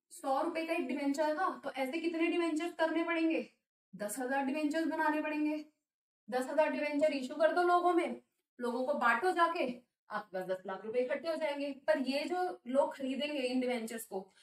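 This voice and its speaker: A woman teaching a commerce lesson. She asks the class questions, answers them herself, and reads English definitions slowly. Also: high-pitched. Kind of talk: classroom lecture. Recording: echoey room, a little distant.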